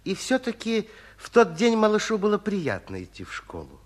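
A man narrating a 1950s radio fairy tale as a kindly storyteller, gentle and expressive. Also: high voice, normal speed, exaggerated voice. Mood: tender. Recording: 1950s radio drama recording.

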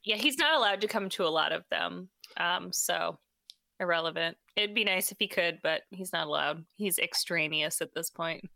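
A young woman co-hosting a casual podcast chat. She is animated, laughs often and mimics her husband. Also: fairly low pitch, moderate pace, vocal fry, no echo, clean studio sound. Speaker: podcast co-host.

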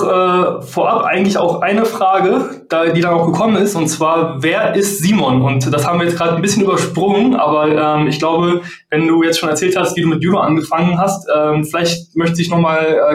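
A man's voice: on the high side, normal speed, few pauses. A man hosting a podcast who asks his questions hesitantly, with many fillers and restarts. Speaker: podcast host. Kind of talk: casual interview questions. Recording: echoey room.

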